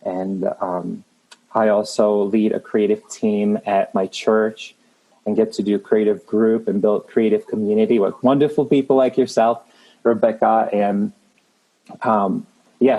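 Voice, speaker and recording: This guest is a creative manager from the Czech Republic, a man in his thirties with a Czech accent. His mellow, lowish voice carries an earnest, encouraging motivational message in an interview, with frequent restarts. Audio quality is poor.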